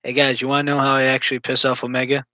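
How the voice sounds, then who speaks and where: A man's voice: mid-range voice, completely flat delivery, very fast, bright, forceful tone, no room sound. A man in casual chat, rambling and teasing his co-host with jokes.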